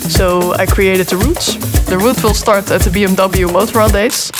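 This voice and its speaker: A woman's voice: medium pitch, steady tone, moderate pace. A woman from the Netherlands, an adventure rider and tour leader, speaking in a documentary interview in an enthusiastic, plain-spoken way. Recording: music bed under interview. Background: music.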